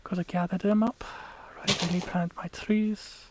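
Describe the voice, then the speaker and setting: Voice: medium pitch, flat delivery, measured pace, background noise. A let's play gamer giving casual, chatty gameplay commentary, explaining tactics to viewers and sometimes dropping to a whisper.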